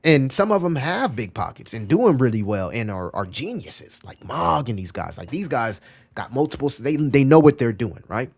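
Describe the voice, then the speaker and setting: A man's voice: medium pitch, very animated, moderate pace, creaky, darkish tone. Slangy, repetitive male streamer. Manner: loose, slangy and repetitive, often calling out "bro"; talks back to chat messages as he reads them. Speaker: crypto livestream host. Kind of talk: casual live-stream chat.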